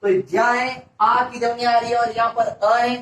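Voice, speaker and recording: A high-pitched male teacher walks through a grammar lesson, asking a question and then giving the answer himself, repeating it for emphasis. His voice sits back from the mic in an echoey room, with a faint hiss underneath. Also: level tone, moderate pace, fairly bright tone, far from the mic. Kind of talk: classroom-style grammar lesson.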